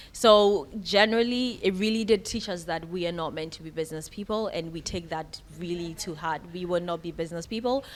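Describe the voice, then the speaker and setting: A woman's voice: lowish voice, slight background noise. A woman speaks as a guest in a radio interview, talking about her creative enterprise in a candid, chatty, reflective way.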